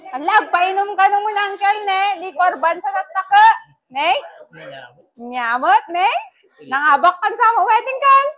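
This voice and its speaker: High-pitched, bright-voiced woman vlogger. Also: a little slow. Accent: Ilocano. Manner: playful, teasing, talks to camera and to small children. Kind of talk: casual vlog chat mixing languages.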